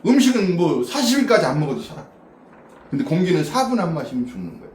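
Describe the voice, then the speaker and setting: A man's voice: a little high, very animated, fast talker. A male pastor giving a casual sermon to a small congregation, chatty, questioning his listeners and often laughing. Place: small church room. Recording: roomy echo from a distant mic with faint background noise.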